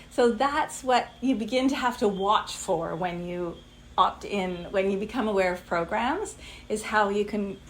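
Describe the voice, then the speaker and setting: A woman's voice: sits high, a little hiss or hum, low-quality recording. A woman in her forties, a coach giving a casual masterclass, chatty and full of fillers. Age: 40s.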